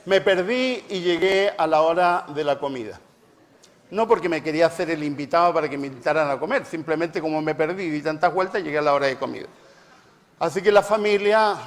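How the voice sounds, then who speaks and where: Middle-aged guy giving a sermon, high voice, hammers home points by repeating them, long hall echo. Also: a little fast. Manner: emphatic, repeats phrases for stress. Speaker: preacher and family therapist. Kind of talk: reflective talk with personal anecdotes. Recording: long reverb, large hall sound.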